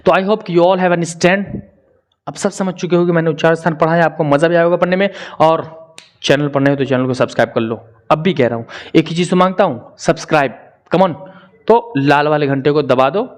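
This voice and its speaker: A young man teaching a grammar lesson, drawing out syllables slowly and asking viewers to answer in the comments. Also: fairly high pitch. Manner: drills sounds slowly, repeating syllables.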